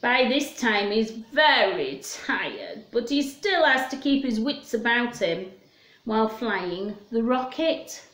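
A slightly high, somewhat bright voice, expressive and unhurried, belongs to a woman in her fifties holding story time for young kids. She keeps things simple and sing-song, posing questions. The clip comes from a small room at home and has a roomy, echoey quality.

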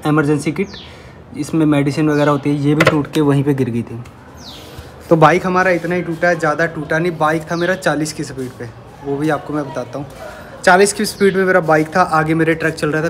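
A man's voice: a little high, steady tone, fairly quick, noisy background. A young man talking casually to camera in a vlog, chatty, showing viewers things around his home. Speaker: vlogger. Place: at home, indoors and by a parked bike.

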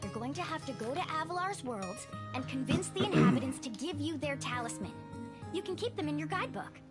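A woman's voice: high-pitched, lively intonation, a little fast. A woman voicing a spirited, slightly bossy young female fawn, a deer character, in a video game cutscene. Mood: explaining, earnest. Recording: game audio under prominent music.

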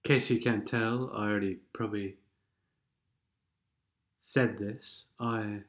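This gaming commentator has a cold that's stuffed up his nose, and he speaks slowly in a fairly low voice with fairly even intonation. Over game replays he offers sardonic, meandering remarks and sings fragments of songs.

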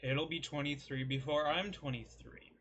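The recording is muffled with some hiss or hum, capturing a fairly high, slightly bright voice that stays steady at a normal speed. It belongs to a man in his early twenties in a small, cluttered bedroom, casually rambling to his desk webcam about food and making self-mocking jokes.

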